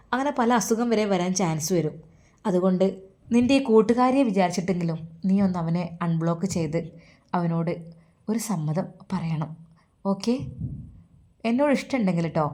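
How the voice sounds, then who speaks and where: A woman's voice: mid-range voice, warm tone, lightly acted. A woman doing a coaxing young friend.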